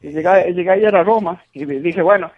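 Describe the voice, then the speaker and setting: A man's voice: high-pitched, moderate pace. A man calling a radio show and chatting casually. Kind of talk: casual travel chat. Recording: band-limited phone call to radio.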